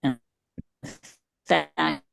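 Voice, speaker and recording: An older woman speaking haltingly with many fillers on a video call, her audio dropping in and out over a bad internet connection. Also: a bit bright, no echo, clean studio sound. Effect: dropping, breaking-up internet audio. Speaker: school founder sharing a story. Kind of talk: casual remarks on a video call.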